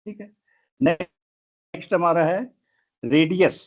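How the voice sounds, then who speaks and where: A man's voice: on the high side, takes it slowly, lo-fi sound. A man teaching English grammar in a lesson, spelling words out letter by letter.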